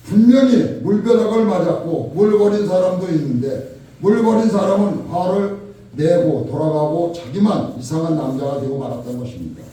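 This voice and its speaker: A man preaching a sermon. He asks the congregation questions and acts out shouted quarrels. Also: sits high, moderate pace. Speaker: pastor. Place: church sanctuary. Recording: echoey church hall from far off.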